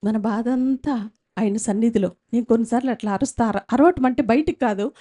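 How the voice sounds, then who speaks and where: A woman preaches a sermon into a church microphone. Her voice sits high, and she builds emphasis by repeating short phrases and abruptly getting louder. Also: fairly quick. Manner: emphatic, repetitive preaching with sudden loud rises. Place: church service.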